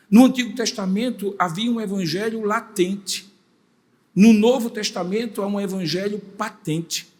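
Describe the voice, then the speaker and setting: High-voiced older pastor preaching, church echo. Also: male voice. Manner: emphatic, with rhetorical questions and repeated phrases. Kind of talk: sermon. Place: church sanctuary. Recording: long church reverb.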